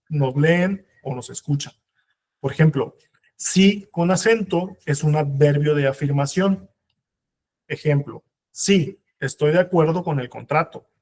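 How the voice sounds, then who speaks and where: A man with a Mexican Spanish accent lectures on legal writing, his voice sitting a little high. He talks in a halting way, filling gaps with fillers and going back to restart his sentences as he explains. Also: a little mellow. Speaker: instructor. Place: training course room.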